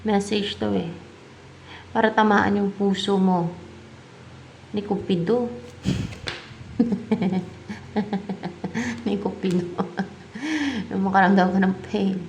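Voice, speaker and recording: A woman's voice: mid-range voice, level tone, measured pace, gravelly, pauses often, a little mellow, slight background noise. A woman with a Filipino accent giving a tarot reading, musing aloud as she asks and answers her own questions. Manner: mixes English tarot terms into her talk. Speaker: tarot reader.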